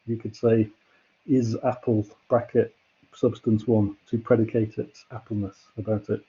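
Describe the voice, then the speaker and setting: A man's voice: fairly low pitch, flat delivery, unhurried, dark tone, slightly rough, dull audio. A man giving a university lecture, explaining ideas patiently and step by step with examples. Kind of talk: classroom lecture.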